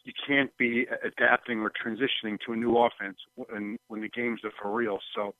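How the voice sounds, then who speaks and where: A man speaks over a thin, tinny phone line as a sportswriter guest on a call-in show. His voice sits at an ordinary middle pitch and sounds dry and close. He talks in a loose, hedging way, full of "you know" and "um". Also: level tone, fairly quick, dry recording. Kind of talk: casual call-in chat.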